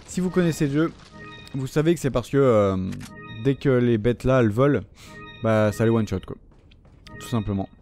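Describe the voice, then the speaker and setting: A man's voice: medium pitch, moderate pace, pauses often, warm tone, faint music behind. A man giving casual gameplay commentary, chatting loosely, swearing often and talking to the enemies on screen. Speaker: gaming channel host.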